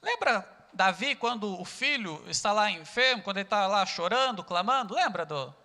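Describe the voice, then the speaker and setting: Bright, high-voiced Brazilian man preaching. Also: very animated, moderate pace, long reverb tail. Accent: Brazilian Portuguese. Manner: earnest preaching, asks rhetorical questions. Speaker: pastor. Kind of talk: sermon.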